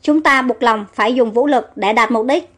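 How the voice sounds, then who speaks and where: A woman's voice: fairly high pitch, moderate pace, fairly bright tone, husky. A woman voicing a male general leading a kidnapping raid, giving clipped orders. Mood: grim. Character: foreign male general, urgent and determined.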